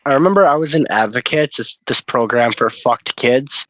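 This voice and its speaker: A man's voice: mid-range voice, moderate pace, fairly bright tone, no room sound, rough recording. A young man brags through a story in casual chat, swearing constantly. He talks into his phone, and the sound is dry and close. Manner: crude, boastful storytelling. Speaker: chat participant.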